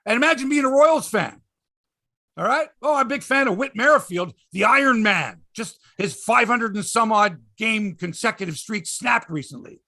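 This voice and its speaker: A man's voice: high-pitched, animated, normal speed, bright, forceful tone. A man hosting a sports talk show, ranting emphatically with exasperated repeats, rhetorical questions and salty language. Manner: salty, profane. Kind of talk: opinionated sports talk rant.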